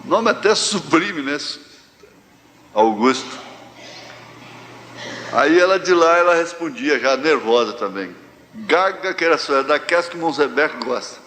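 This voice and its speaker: A Brazilian pastor preaching a live sermon, telling homespun stories with slow, drawn-out phrases. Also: male voice, on the high side, animated, pushed and bright, slight background noise. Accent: Brazilian Portuguese, central-west. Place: large church hall. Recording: live church hall reverb, faint ambience.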